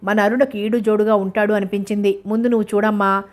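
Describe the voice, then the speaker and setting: A bustling elder brother gives quick instructions as he hurries to arrange a match, voiced by a woman reading a novel aloud. The pitch stays even and flat throughout. There is little change from the reader's own voice. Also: close to an everyday voice. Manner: hasty and bustling.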